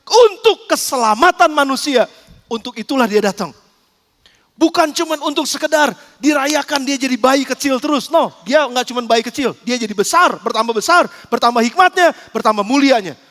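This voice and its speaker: A male pastor preaching a sermon, telling a story in a lively way and often calling out to the congregation directly. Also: very high voice, moderate pace. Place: church hall. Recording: echoey church hall.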